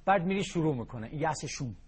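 Husky man giving a preachy motivational talk. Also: fairly high pitch, lively intonation. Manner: preachy, swings between hushed and emphatic. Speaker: guest speaker on happiness and hope. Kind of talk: impassioned motivational talk with recited poetry.

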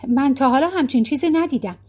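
A woman's voice: sits high, a little mellow, lightly acted. A woman reading a storybook voicing a drowsy old man who answers hesitantly and noncommittally.

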